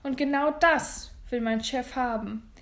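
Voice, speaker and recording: A woman's voice: high-pitched, unhurried, a bit bright, roomy sound. A woman voicing a small, nervous male buyer's agent who answers shrilly and defensively, read as a storybook.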